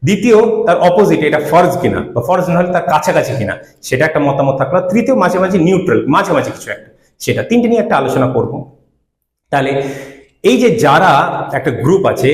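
A man's voice: fairly high pitch, roomy sound. A man giving a religious lecture, arguing his points with rhetorical questions. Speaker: Islamic preacher.

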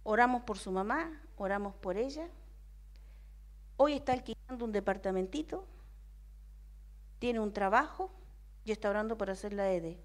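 A young woman with an Argentine accent preaching a sermon as a personal testimony, moving from hushed, quoted prayers to emphatic declarations. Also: medium pitch, expressive, normal speed, pauses often. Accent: Argentine Spanish.

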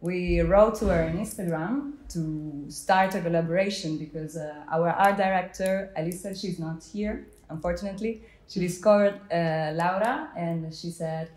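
Young female gallery founder, lowish voice, keen interviewer, roomy sound. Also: normal speed, hardly any pauses, darkish tone. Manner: enthusiastic, hesitant with fillers. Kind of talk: interviewer chat. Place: art gallery, indoors. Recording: echoey gallery room.

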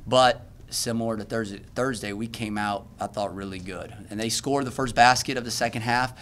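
A man's voice: mid-range voice, moderate pace, a bit bright, a little hiss or hum. A man in his thirties, a basketball coach answering questions at a postgame press conference, earnest and often restarting his sentences. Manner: earnest, self-correcting, many restarts. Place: press room at a podium. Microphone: podium mic.

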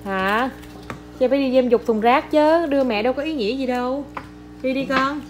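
A woman's voice: sits high, moderate pace, faint music behind. A young woman and mother chatting casually to viewers in a home family vlog. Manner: chatty, addresses viewers as aunts and uncles. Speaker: vlogger and mother.

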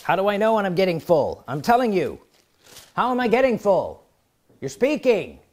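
Preacher, church sermon, animated delivery with swooping pitch, engages the crowd directly. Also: moderate pace. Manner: animated, calls out questions to the congregation.

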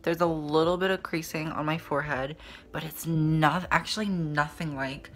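At medium pitch and normal speed, the voice stays fairly even and fairly bright. It belongs to a twentysomething beauty vlogger doing a casual makeup review to camera, sassy and slangy in drag queen style, in a small filming room with background music.

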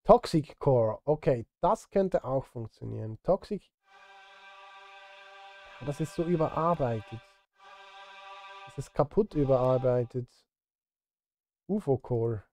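A middle-aged streamer and film composer talks casually on a live music stream, thinking out loud and muttering at himself. He has a mid-range, dark-toned voice with lively intonation, speaking slowly with long pauses. The setting is an indoor home studio, close on a studio microphone.

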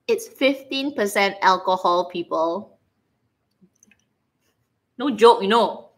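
A woman's voice: medium pitch, slow. A woman with a Singaporean accent hosting a casual livestream, playful and rambling as she chats to viewers. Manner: animated, playful, rambling, reacting aloud to viewers' comments. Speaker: livestream host. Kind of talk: casual livestream chit-chat. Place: living room, indoors.

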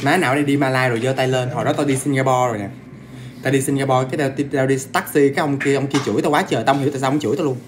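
On a casual ghost-story livestream, a man with a medium-pitched voice talks rapid-fire in a fairly even tone while a little background noise lingers. He's chatty, addresses the audience head-on, and munches on food mid-sentence.

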